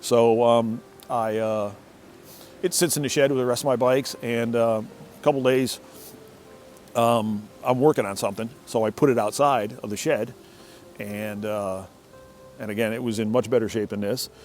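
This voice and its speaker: A man's voice: medium pitch, fairly even intonation, moderate pace, a little mellow, faint music behind. A middle-aged man telling a casual, rambling story from his shed workshop, often restarting and repeating words. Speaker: motorcycle owner telling a story.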